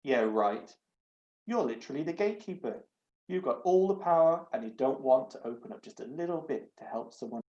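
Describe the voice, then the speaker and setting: A man's voice: medium pitch, animated, fairly quick, warm tone, natural voice. An earnest young adventurer, as a man reads him, speaking up with sympathy and a bit of heat. The recording is dull and set in an echoey room. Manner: earnest, mildly argumentative. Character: earnest, soft-hearted young male adventurer.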